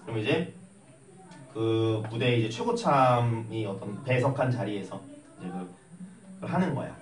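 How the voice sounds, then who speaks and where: A young man teaching math in a classroom, telling an animated story and acting out the voices. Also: on the low side, unhurried. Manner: animated, acts out voices while telling stories. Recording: echoey room, mic at a distance.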